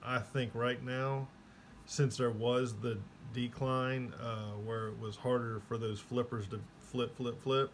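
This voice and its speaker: A man's voice: mid-range voice, level tone, slow, slight background noise. Rambling casual man recapping an event. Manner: rambling, acts out quoted people. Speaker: vlogger.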